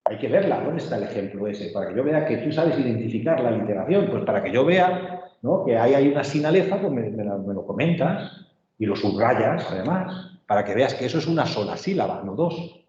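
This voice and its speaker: A man's voice: mid-range voice, animated, a little fast, darkish tone. A man teaching literature in an online class, patiently explaining and often checking that students follow. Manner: patient, checks understanding with frequent tag questions. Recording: echoey, roomy, dull sound.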